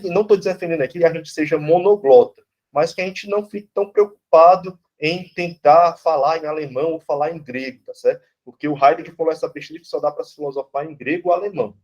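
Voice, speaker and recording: A Brazilian man lectures on philosophy in a blunt, casual, conversational style, tossing in curse words and frequently ending lines with "né?" or "tá certo?". His voice is on the high side and a little mellow.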